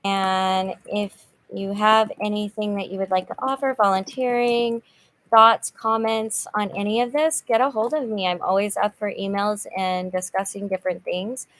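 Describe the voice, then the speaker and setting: A middle-aged woman, a channel host who volunteers for a nonprofit, runs a casual livestream and reads viewer comments aloud. She is upbeat and chatty, full of fillers and restarts. Her voice is medium-pitched, steady and fairly bright, at a normal speed.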